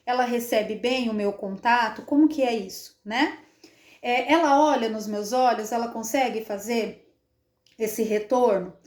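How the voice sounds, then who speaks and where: A Brazilian woman with a high, bright voice gives an instructional demonstration as a child development specialist. She explains patiently and keeps checking in with short tag questions. Her voice carries a roomy echo from an indoor room. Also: unhurried. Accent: Brazilian Portuguese. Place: indoor room, playing with a baby.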